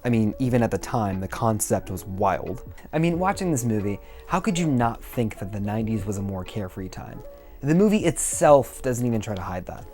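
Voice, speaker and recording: A man's voice: lowish voice, sing-song, fairly quick, darkish tone. A young man getting drunker as he hosts a video essay, rambling casually with swearing and self-deprecating asides. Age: young adult. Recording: music behind the voice.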